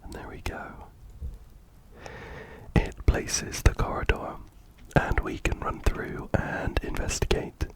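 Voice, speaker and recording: A man with a cold and blocked nose, whispering gameplay commentary ASMR close to the mic, ear to ear. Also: slow. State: stuffy nose from a cold, breathing through the mouth. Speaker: ASMR gaming channel host. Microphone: close binaural mic, ear to ear.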